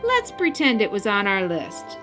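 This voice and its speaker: A woman voicing a kind, patient mother pig with a gentle, instructive manner in a children's picture book. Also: mid-range voice, wildly swooping pitch, a little slow, over music. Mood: encouraging.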